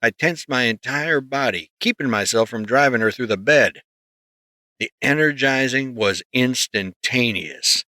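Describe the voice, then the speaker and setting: A man narrating a story in the first person, reading in a steady, measured way close to the mic. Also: mid-range voice, no echo. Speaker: audiobook narrator.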